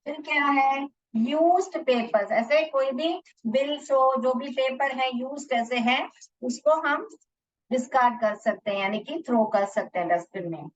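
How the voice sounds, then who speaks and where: A woman teacher giving a lesson to children, repeating words slowly so they can write them down. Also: high-pitched, muffled recording.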